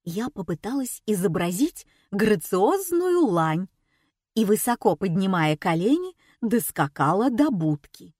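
Brief: woman audiobook narrator, wry and measured, slow delivery. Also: mid-range voice, big pitch swings, darkish tone, dry recording, studio quality. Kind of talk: first-person story narration.

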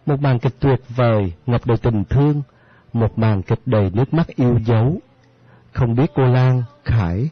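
A man narrating an audiobook in a steady storytelling manner. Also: medium pitch, no room sound. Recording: dry, slightly muffled audiobook.

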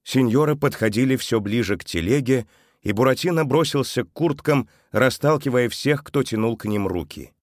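A man narrating a children's story expressively, his voice softening at the sad moments. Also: mid-range voice, lively intonation, moderate pace, no echo, studio quality.

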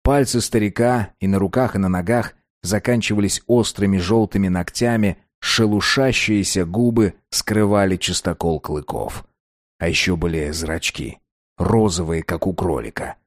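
A man narrating an audiobook in a steady, measured way. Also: fairly low pitch, dry recording, clean studio sound.

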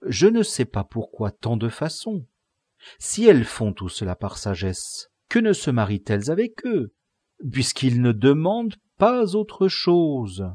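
A man's voice: mid-range voice, big pitch swings, measured pace, darkish tone, no echo, voice pushed up. A man voicing an innkeeper's shy, naive young daughter in an audiobook, speaking hesitantly and earnestly.

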